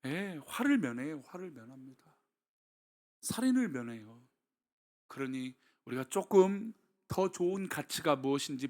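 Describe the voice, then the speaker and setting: A male senior pastor preaching a sermon to his congregation, emphatic and often rising to shouts, putting rhetorical questions straight to the listeners. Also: mid-range voice. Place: church sanctuary before a congregation.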